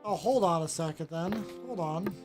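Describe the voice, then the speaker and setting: A woman streaming a relaxed game, thinking aloud and often stopping herself with "hold on" and sudden surprised exclamations. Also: fairly low pitch, normal speed, music in the background. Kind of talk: casual gameplay commentary.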